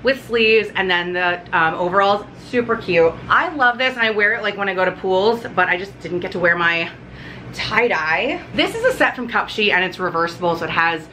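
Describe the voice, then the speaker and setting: A woman's voice: mid-range voice, lively intonation, normal speed, bright, forceful tone, a little hiss or hum. A woman in her thirties chatting casually as she unpacks, rambling with lots of "um" and "like", filmed at home in her living room. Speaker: vlogger. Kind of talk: casual unpacking haul chat.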